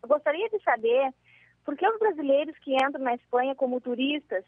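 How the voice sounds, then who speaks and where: A woman's voice: high voice, brisk, no echo. A woman from Brazil with a Brazilian accent, a viewer formally reading out a prepared question. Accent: Brazilian Portuguese. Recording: dry, phone-like line.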